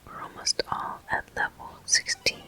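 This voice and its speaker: A woman hosts a gameplay video in ASMR style, commenting in a soft, gentle murmur at an unhurried pace.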